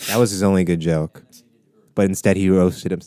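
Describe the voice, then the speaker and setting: Low-voiced rambling casual man. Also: steady tone, a little fast, mellow, dry recording. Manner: rambling, profane, many restarts. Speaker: podcast co-host recounting comedy sets. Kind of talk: casual chat.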